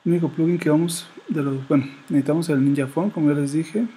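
A man giving a relaxed screen-recorded web design tutorial, thinking aloud and reading out words as he types them. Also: fairly high pitch, fast talker, slightly rough. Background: keyboard typing and faint room noise.

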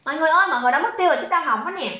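A woman's voice: high-pitched, lively intonation, racing. A young woman selling on a livestream, chatty and teasing as she reads out viewer comments. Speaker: livestream seller. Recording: echoey room, dull lo-fi sound.

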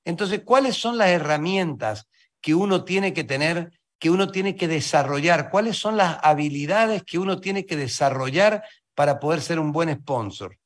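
A man gives a motivational sales seminar, and his voice sits fairly high. It swings up and down as he throws questions at the crowd and slows down to repeat his key lines. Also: animated. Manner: asks the audience rapid questions, repeats key phrases slowly. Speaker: sales team leader speaking to distributors.

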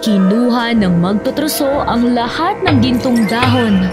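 A woman narrator reading a children's story. Her voice sits a little high, and music plays clearly behind her. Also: lively intonation, unhurried.

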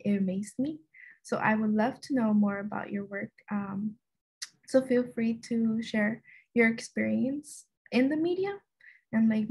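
A young woman student asks her question over a webcam from a room at home. Her voice is husky and gravelly, and dark in tone. She hesitates often and fills the pauses with ums. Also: mid-range voice. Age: young adult. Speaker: student interviewer. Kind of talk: interview question on a video call. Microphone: webcam on a video call.

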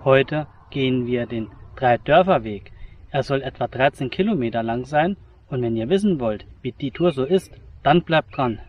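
A man in his forties talks to his own handheld camera while out on a countryside trail. His delivery is friendly and matter-of-fact, like a hiking vlogger giving a quick update. His voice sits at a middle pitch and is heard outdoors in the open. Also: animated, dull audio. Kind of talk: casual vlog to camera. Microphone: action camera held at arm's length.

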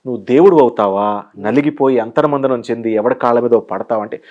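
A man's voice: mid-range voice, fairly quick, highs cut off. A man with a Telugu accent, a motivational speaker answering an interviewer and acting out the stories he tells. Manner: animated storyteller who plays out the scenes he describes. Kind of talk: guest in an interview.

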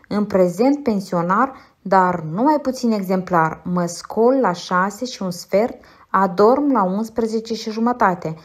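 A woman's voice: medium pitch, close to an everyday voice. A woman reading an audiobook, voicing a retired older man who rambles in a wheedling, self-satisfied way and chuckles to himself. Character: retired older man, fussy, giggling, sly. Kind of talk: audiobook character voice.

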